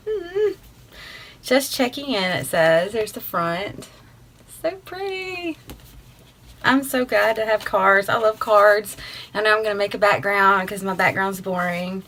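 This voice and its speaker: A woman, gushing and excitable as she unboxes mail in a casual vlog, filmed on a tripod camera, first on her porch and then indoors. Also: mid-range voice, normal speed, slight background noise, poor audio. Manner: gushing, excitable, many fillers. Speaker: beauty vlogger.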